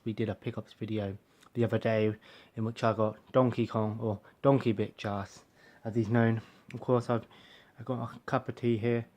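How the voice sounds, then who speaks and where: A young man, talking quietly in a rambling vlog at home, with plenty of ums and uhs. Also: on the low side. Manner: soft-spoken, keeping his voice down. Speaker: collector showing purchases. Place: bedroom at home.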